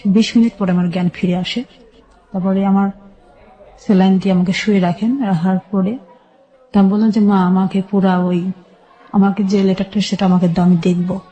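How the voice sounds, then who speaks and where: Her life story comes out step by step in halting detail as this Bangladeshi-accented woman answers in an interview, frequently repeating a phrase. Her voice is dark and soft-edged at an ordinary female pitch, her delivery flat, and the recording is rough.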